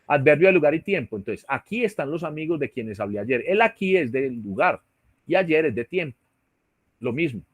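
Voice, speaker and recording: A man's voice: on the high side, expressive, normal speed, no echo, studio quality. A male teacher with a Colombian Spanish accent, lecturing an online class and often checking in with his students. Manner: explanatory, checks in with "¿sí?" and "¿cierto?". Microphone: computer mic on a video call.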